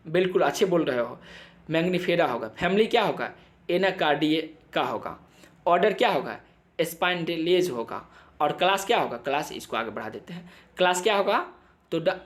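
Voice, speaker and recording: A young man teaching biology for an exam, his voice sitting a little high for a man. He fires question after question and answers them himself, stumbling through English textbook lines. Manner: drills students with repeated questions and answers; switches between Hindi and halting read-aloud English. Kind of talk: exam-prep lecture.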